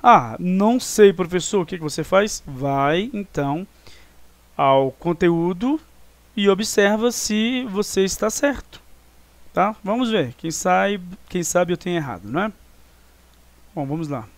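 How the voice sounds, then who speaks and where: A man's voice: sits high, measured pace, no room sound. A man teaching a recorded review lesson with a Brazilian Portuguese accent, explaining step by step and counting syllables aloud.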